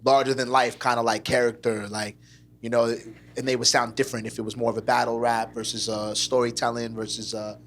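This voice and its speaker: A man's voice: mid-range voice, level tone, a little fast, fairly bright tone. A man hosting an interview in a laid-back, slangy way, often repeating "word". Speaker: interview host. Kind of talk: casual interview chat.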